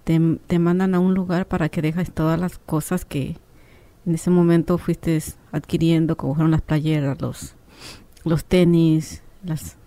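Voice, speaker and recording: A woman's voice: low-pitched, unhurried, no echo. A woman who is a radio guest, telling a personal story and acting out the dialogue. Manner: animated storyteller, acts out dialogue.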